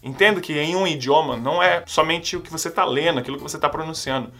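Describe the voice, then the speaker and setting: A man's voice: a little high, quick pace, bright, forceful tone. A man teaching English phrases to Portuguese speakers in a casual, playful video lesson.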